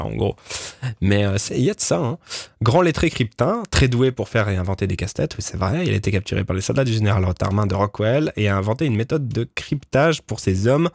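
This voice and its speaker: A man casually reading fan theories about his fantasy world aloud, explaining with many hesitations and swearing as he bursts into loud disbelieving exclamations. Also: medium pitch, no room sound, clean studio sound. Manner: animated, swears often, exclaims loudly in disbelief. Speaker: creator of a fantasy universe reacting to fan theories. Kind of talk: casual livestream reading and commentary.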